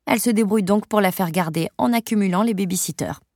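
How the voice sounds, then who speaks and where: Woman, audiobook narrator, first-person novel, even storytelling, raspy, gravelly. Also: mid-range voice, fast talker, dry recording, clean studio sound.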